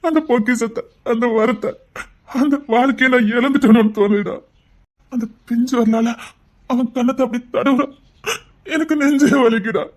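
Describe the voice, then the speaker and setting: A man's voice: very high-pitched, fairly even intonation, moderate pace. An actor playing a heartbroken father in a TV serial drama. He confides in a friend in a heartfelt, pleading way. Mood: grieving. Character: heartbroken father whose daughter prefers another man.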